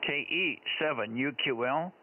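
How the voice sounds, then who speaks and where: A man's voice: mid-range voice, measured pace. An American man running an amateur radio net as controller, chatting casually and repeating call signs and short phrases in procedural radio style. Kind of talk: casual ham radio net check-in chat. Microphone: two-way radio. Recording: tinny narrowband radio, heavy static noise, clicks.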